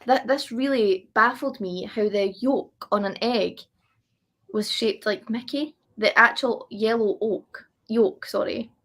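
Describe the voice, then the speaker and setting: A woman's voice: fairly high pitch, slow pace, fairly bright tone. A woman chatting casually as a guest, gushing and repeating herself for emphasis. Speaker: interview guest. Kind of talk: casual chat.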